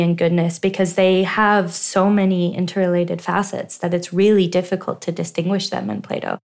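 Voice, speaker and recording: A young woman with a slightly low voice answers interview questions as a doctoral researcher. She explains ideas articulately and with animated emphasis. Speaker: guest, philosophy doctoral researcher.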